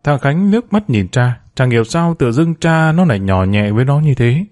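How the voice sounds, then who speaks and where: A man narrating a storybook in a steady, even reading. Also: mid-range voice, normal speed, no room sound, studio quality, faint music behind.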